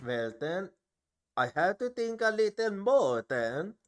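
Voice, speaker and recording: Guy streaming a game, slow and mumbly, kinda high voice, just thinking out loud, music playing behind. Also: sing-song. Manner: thinking aloud, musing to himself. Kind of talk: casual gameplay commentary.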